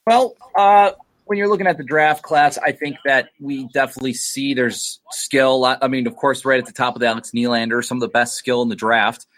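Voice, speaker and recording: A man's voice: mid-range voice, steady tone, brisk, few pauses, a bit bright. A man co-hosting a sports podcast, giving casual analysis full of "you know" and "uh.". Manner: hedging, filler-heavy analysis. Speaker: podcast co-host.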